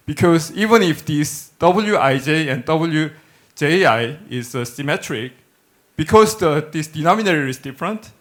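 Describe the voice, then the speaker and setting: A middle-aged man with a Korean accent gives a technical lecture in a halting manner, often repeating words as he searches for phrasing. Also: fairly high pitch, a bit bright. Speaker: academic researcher presenting a lecture. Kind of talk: technical conference lecture with slides. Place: indoor lecture hall, speaking at a podium.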